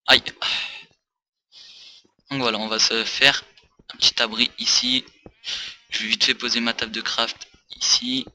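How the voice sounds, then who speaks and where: Bright-voiced tired young man gaming. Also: lowish voice. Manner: rambling, many hesitations. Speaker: let's play host. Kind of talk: casual gaming commentary. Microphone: desk mic with facecam.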